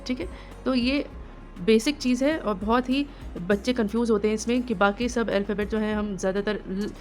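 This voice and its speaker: A woman teaching parents phonics, drawing out each letter sound slowly and patiently as she explains how to blend them. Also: a little high, faint music behind. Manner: slow, drawn-out sounding of letters. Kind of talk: home phonics lesson.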